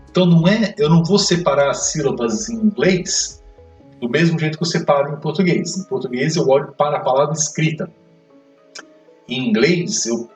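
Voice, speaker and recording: A man teaching an English grammar lesson, explaining step by step and checking in with quick questions. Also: medium pitch. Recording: echoey room, mic far off, faint music.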